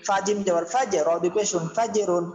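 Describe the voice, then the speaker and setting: A man with a high voice leads a reading lesson. He spells out each letter and vowel sign slowly and then blends them into a word. His delivery is patient and repetitive, like a classroom drill. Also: darkish tone, big-room sound, dull audio. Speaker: Quran recitation teacher.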